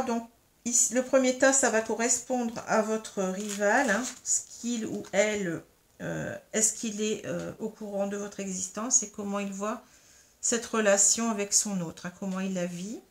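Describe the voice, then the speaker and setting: Addressing the camera, a patient woman with a mid-range voice walks through a guided tarot reading. She explains things step by step, peppering her speech with "hein" and "euh".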